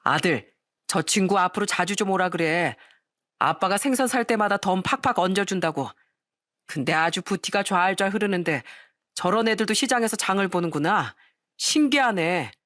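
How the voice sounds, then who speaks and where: A woman's voice: medium pitch, lively intonation, moderate pace, no echo, studio quality, lightly acted. A woman voicing a cheerful, fussy middle-aged fishmonger father who chats in a jovial way. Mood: excited. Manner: jovial, chatty.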